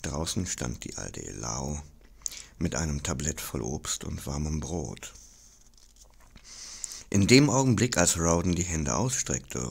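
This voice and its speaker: Very deep gravelly male storyteller. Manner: expressive, drops to whispers for tension. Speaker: audiobook reader. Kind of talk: dramatic audiobook narration.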